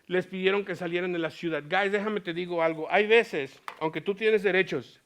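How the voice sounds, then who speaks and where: Acting out Paul's lines with animation, a pastor teaches a Bible passage in Spanish sprinkled with English words during a bilingual sermon at a US church. He speaks in a high voice at a moderate pace.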